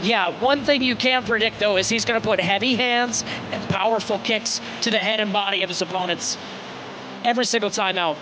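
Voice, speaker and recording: A man's voice: high voice, a little fast. A man giving conversational sports co-commentary on a fight. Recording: very noisy live event background.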